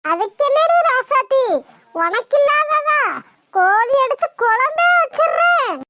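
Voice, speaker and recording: A woman's voice: very high-pitched, moderate pace, bright, forceful tone. A woman voicing a bossy, teasing old village grandmother in a cartoon, scolding and fond by turns. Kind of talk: cartoon voice acting.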